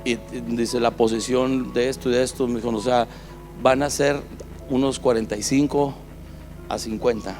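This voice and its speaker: A man's voice: medium pitch, fairly even intonation, normal speed, darkish tone, faint music behind. A man with a Mexican accent, a pastor telling his life story as a preached testimony, acting out the dialogue.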